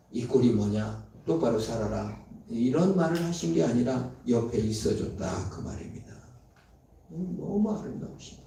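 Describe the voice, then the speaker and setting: A man preaching a sermon as a pastor, dramatic, swinging between loud emphatic lines and hushed tender ones. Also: a little high. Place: church sanctuary. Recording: very echoey, from far off.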